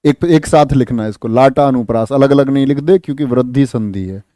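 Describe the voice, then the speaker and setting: Lively male Hindi exam-prep teacher. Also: medium pitch, fairly quick, no echo. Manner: lively, repeats questions to students and answers them. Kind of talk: online exam-prep lesson.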